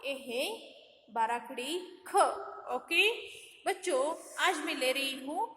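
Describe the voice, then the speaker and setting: A woman's voice: high-pitched, lively intonation, slow pace, bright, forceful tone. A woman teacher leading young children through a syllable lesson, drawing out and repeating each sound and often calling to the children. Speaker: kindergarten teacher. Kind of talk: slow syllable-by-syllable Hindi alphabet lesson for small children. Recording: echoey room with long reverb.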